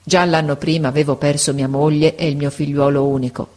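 A woman voicing a frail, gentle old male schoolteacher in an audiobook, speaking slowly and tenderly. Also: deep voice, level tone. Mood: sorrowful. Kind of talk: audiobook character voice.

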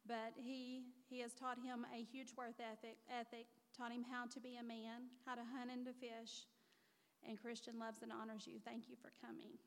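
Woman, 40s, mother of the honoree. Earnest, heartfelt prepared speech, slightly high voice, long reverb of a church hall. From Missouri. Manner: earnest, heartfelt, reading from notes.

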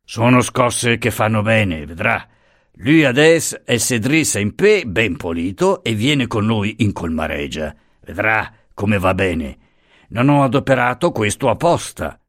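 A man voicing a grown male lawyer who talks with a phlegmatic, teasing calm. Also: on the high side, measured pace, pitched above the performer's own voice. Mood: mocking calm.

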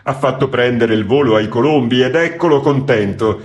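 A man voicing a contrite, talkative male typesetter who rambles and pleads loudly. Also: medium pitch, normal speed, lo-fi sound, pitched above the performer's own voice, lightly acted. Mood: rambling.

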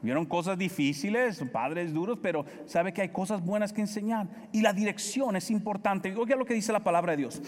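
Middle-aged Dominican pastor, loud and animated, high-pitched, preaching with long hall reverb. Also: male voice, fairly quick, hardly any pauses. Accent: Dominican Spanish. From Dominican Republic. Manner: loud, animated storytelling, acts out family dialogue. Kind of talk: sermon.

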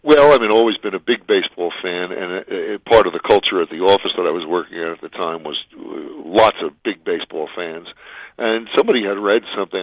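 A man's voice: deep voice, dry recording. A middle-aged man speaking casually as an interview guest, telling his story over the telephone. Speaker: interview guest, fantasy baseball writer. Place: phone interview. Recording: thin narrow telephone line.

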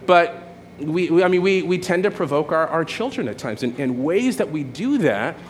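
A man's voice: a little high, lively intonation, moderate pace, a little hiss or hum. A man in his forties preaching a sermon in a conversational way, often checking in with "right?" and restarting his phrases. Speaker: pastor.

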